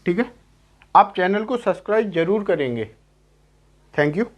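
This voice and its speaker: A man's voice: high voice, animated, measured pace, highs cut off. Male math teacher explaining step by step. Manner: explains step by step, asks "clear?" to check understanding. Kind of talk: classroom lecture on trigonometry.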